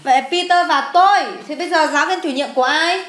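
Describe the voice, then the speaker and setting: A woman's voice: extremely high pitch, fast, fairly bright tone, slight background noise. A woman teacher, going through an English test with a child, asking questions and answering them herself.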